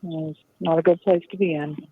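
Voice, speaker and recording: A woman talking gently and soothingly to an inmate over a prison phone line. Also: deep voice, steady tone, fairly quick. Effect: heard over a prison phone line. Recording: tinny phone line with faint hiss.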